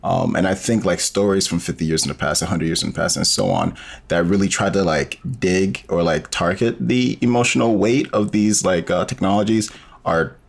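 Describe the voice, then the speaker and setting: A man who creates audio dramas appears as a podcast guest in a casual interview. His voice is low and gravelly at a normal speed, and he rambles with many fillers.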